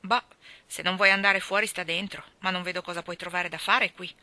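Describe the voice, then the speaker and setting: A woman voicing a cheerful, talkative young housemaid who speaks in a lively, homely and blunt way in a storybook reading. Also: fairly low pitch, brisk, no echo. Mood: chatty, lively.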